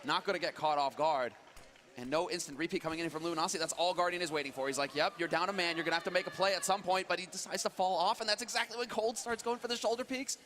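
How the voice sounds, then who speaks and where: A man commentating as an esports caster, giving excited, urgent play-by-play. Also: sits high, very fast, slight background noise. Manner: urgent, building to shouts at big plays.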